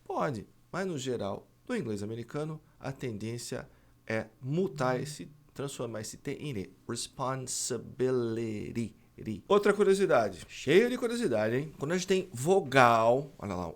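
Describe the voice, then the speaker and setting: A man with a Brazilian Portuguese accent teaches pronunciation in a video lesson, and his pitch rises and falls a lot as he talks. He says each example word twice, slowly and carefully, then goes on with his explanation. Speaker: English teacher.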